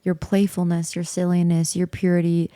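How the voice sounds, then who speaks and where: A woman's voice: fairly low pitch, flat delivery, normal speed, dark tone, dry recording, clean studio sound. A woman in a casual spiritual chat, speaking in a reflective, searching way with many fillers.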